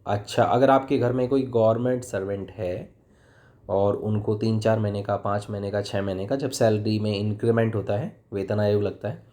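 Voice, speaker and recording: A man's voice: fairly low pitch, fairly even intonation, moderate pace, mellow. A man with a Hindi accent teaching English vocabulary in a chatty classroom style, asking and answering his own questions. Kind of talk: classroom lesson explaining vocabulary.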